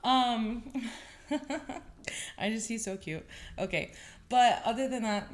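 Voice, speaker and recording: A woman's voice: a little high, takes it slowly. Chatty young woman hosting a podcast. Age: 20s. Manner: chatty, animated storytelling with laughs. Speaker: podcast host. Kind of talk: casual podcast monologue.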